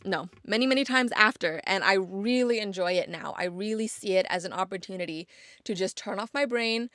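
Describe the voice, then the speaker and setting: A woman's voice: medium pitch, fairly quick, fairly bright tone, no echo, clean studio sound. A young woman hosting her own podcast, talking casually and encouraging listeners, repeating phrases for emphasis. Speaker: podcast host. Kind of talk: casual solo podcast monologue.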